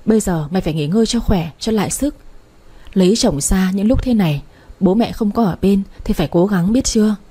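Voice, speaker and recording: A woman's voice: medium pitch, brisk, warm tone, breathy edge, natural voice. A woman reading a fond, scolding old mother. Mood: caring. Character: caring older mother, scolding fondly.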